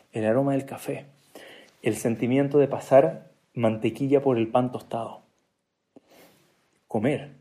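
Mellow-voiced man telling a sermon story. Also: medium pitch. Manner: storytelling, with joking asides to listeners; acts out quoted dialogue. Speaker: speaker giving a religious talk.

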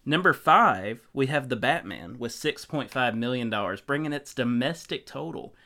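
A man's voice: mid-range voice, expressive, moderate pace, pushed and bright. A man co-hosting a film podcast, chatting casually in an upbeat, jokey way as he runs through box office news. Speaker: podcast co-host.

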